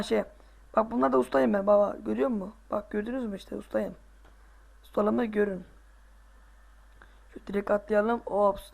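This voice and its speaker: A male gaming host giving casual let's play commentary, excitable, groaning and boasting to himself as he plays. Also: extremely high pitch, gravelly.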